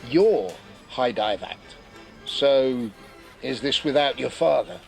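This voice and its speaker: A man's voice: mid-range voice, expressive, takes it slowly, creaky, soft background music. A man playing a dry, formal, businesslike amusement park owner.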